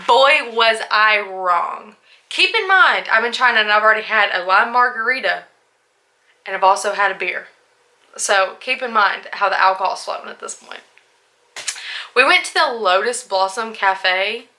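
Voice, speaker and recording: A woman's voice: medium pitch, normal speed, sharp tone. A young woman chatting candidly in a casual vlog, a little tipsy, full of asides and likes. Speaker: vlogger.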